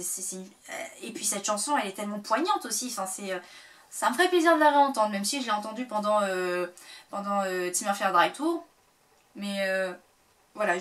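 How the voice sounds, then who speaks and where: A woman chatting casually to camera as a vlogger, full of fillers and sudden excited bursts. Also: on the high side, far from the mic.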